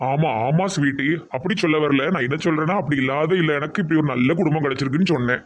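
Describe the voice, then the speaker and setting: A man's voice: fairly high pitch, quick pace, natural voice. A man voicing a polite young son-in-law with a Tirunelveli Tamil accent. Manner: polite, affectionate.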